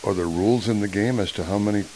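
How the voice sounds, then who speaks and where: A man's voice: lowish voice, fast, darkish tone, a little hiss or hum, low-quality recording. A man hosting a casual interview, asking questions with a wry, joking manner. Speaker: interview host.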